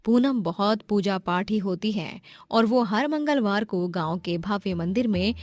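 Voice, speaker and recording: A woman's voice: medium pitch, unhurried, a little mellow, no room sound, studio quality. A woman reading scripted narration as the storyteller of a moral story.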